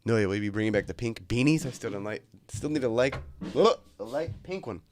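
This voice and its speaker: A young man livestreams from his bedroom, chatting in a laid-back, crude, joking manner while slightly congested from a cold. His mid-range voice is expressive and fairly quick over soft background music.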